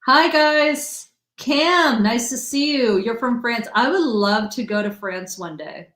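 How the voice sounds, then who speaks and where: A woman's voice: a little high, lively intonation, slow pace, a bit bright. A woman in her thirties from the US Midwest hosting a casual live stream, rambling and greeting viewers by name. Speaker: livestream host, energy reader. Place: home room in Texas. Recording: echoey room, faint music.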